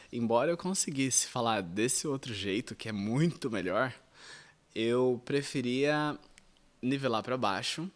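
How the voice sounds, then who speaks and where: A Brazilian man in his thirties with a Brazilian Portuguese accent, speaking at an ordinary mid pitch as he teaches in a video lesson. He explains things conversationally and talks straight to the viewer. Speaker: English teacher.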